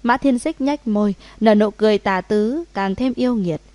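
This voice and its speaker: A woman narrating a romance novel in a steady, measured audiobook reading. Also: mid-range voice, dry recording. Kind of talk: scripted narration.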